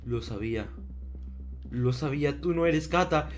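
A man hosting a game roleplay, reacting with dramatic, excitable exclamations. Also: fairly high pitch, measured pace, slight background noise. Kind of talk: Minecraft roleplay. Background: background music.

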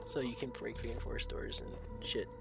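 A man's voice: medium pitch, monotone, unhurried, gravelly. Rambling man chatting over game music. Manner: rambling, laughs at his own remarks. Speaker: let's play host playing the game. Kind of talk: casual gaming chat.

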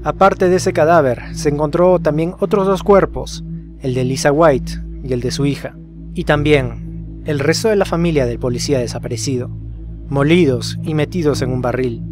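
Over background music, a man with a fairly high voice narrates a scripted horror case at a moderate pace. As the storyteller of a horror explainer video, he poses rhetorical questions to the listener.

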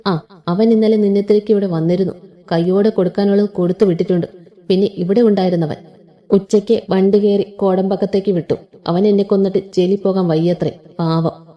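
A woman's voice: on the low side, flat delivery, a little fast, dark tone, natural voice. A woman voicing a cruel, domineering young husband in his twenties who talks in a harsh, taunting, threatening way. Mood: mocking.

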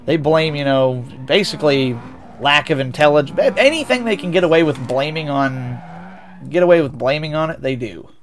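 This young man's fairly high, animated voice moves at normal speed with slight background noise. He's a Midwestern American VTuber streaming a racing game, talking to viewers in a rambling way and fixing his own words as he goes.

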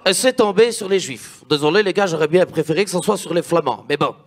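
Man doing a pompous dictator, Belgian accent, high raised voice, declaiming. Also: brisk, sharp tone. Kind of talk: stand-up character bit.

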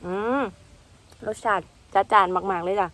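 A woman's voice: mid-range voice, moderate pace, fairly bright tone, slight background noise. A young woman with an Isan Thai accent, chatting casually while she eats outdoors in the afternoon, mixing Central Thai with Isan words. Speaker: food vlogger. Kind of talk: casual eating vlog chat.

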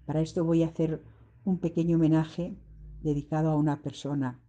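A woman teaching a body-expression class, guiding her students step by step through an acted scene in a deliberate, instructive way. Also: low voice, flat delivery, mellow, dull audio. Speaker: drama teacher.

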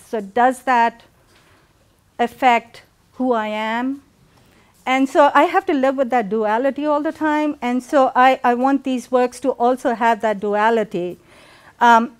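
Speaking with a clear, resonant, fairly high voice, a middle-aged artist from Pakistan delivers a thoughtful gallery talk. She pauses often and uses many fillers, and the camera records her from afar in a spacious gallery room.

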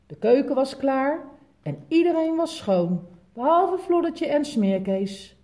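Dutch lady reading a kids' story, slow and very lively, highish voice. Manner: lively, animated storytelling with big voice changes for quotes. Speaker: children's story reader. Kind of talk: reading a picture book aloud to toddlers.

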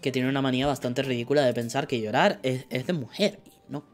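A gameplay streamer playing a cooking game chats casually at a quick pace, muttering order items under his breath and swearing when frustrated. His voice is mid-range, with soft background music.

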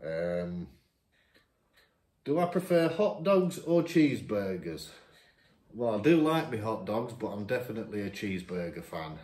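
A man's voice: fairly low pitch, sing-song, unhurried, darkish tone. A 51-year-old man from Lincolnshire, reading questions aloud at his dining table and answering them in a chatty, self-mocking way. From Lincolnshire, England. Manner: reads each question aloud then answers chattily, laughs at himself. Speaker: YouTuber answering viewer questions. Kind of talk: casual question-and-answer chat. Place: dining room at home, seated at a table. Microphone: camera across the table. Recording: echoey room.

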